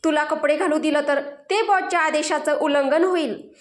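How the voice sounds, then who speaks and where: A cocky male bodyguard in a spoken story, smug and teasing, with a woman reader doing the voice. The voice is high, heard in a room with an echo. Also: normal speed, close to an everyday voice.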